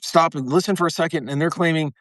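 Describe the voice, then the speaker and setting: A man's voice: fairly high pitch, steady tone, quick pace, a bit bright, no echo, studio quality. A man talking as a guest in a casual interview, rambling and restarting his sentences, swearing now and then.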